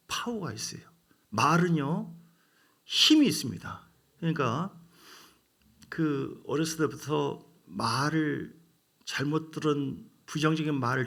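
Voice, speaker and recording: A man preaching from the pulpit with a gravelly, creaky edge to a somewhat high-pitched voice. He drives his points home with sudden loud bursts, then drops to near-whispered asides. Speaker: pastor. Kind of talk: sermon.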